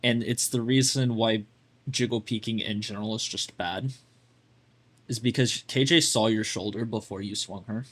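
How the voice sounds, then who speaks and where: A man coaches a player through their gameplay in a lowish, steady, slightly bright voice at a moderate pace. As a game coach, he is casual and blunt, chatting freely and leaning heavily on fillers such as "like."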